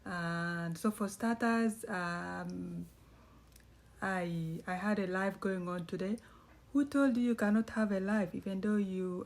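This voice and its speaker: A woman from East Africa, a writer talking casually to her channel viewers, rambling and correcting herself as she goes. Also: medium pitch. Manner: rambling, self-correcting, chatty. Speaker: YouTuber and writer. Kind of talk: casual vlog chat.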